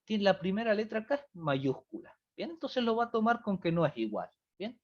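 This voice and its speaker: Lively man teaching over a call. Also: high-pitched, a little fast. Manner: explanatory, repeats "fíjense" and "¿bien?". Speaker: programming teacher. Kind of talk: online review class. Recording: muffled lo-fi stream audio.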